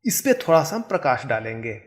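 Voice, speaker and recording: A man's voice: medium pitch, very animated, fairly quick. A man teaching a Hindi grammar lesson, patiently spelling out sounds and example words one at a time.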